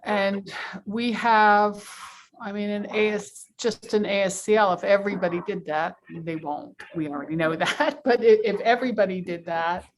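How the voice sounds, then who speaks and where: A woman's voice: mid-range voice, moderate pace, slight background noise, rough recording. A woman in a video meeting, thoughtfully raising questions and wondering aloud. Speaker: meeting participant.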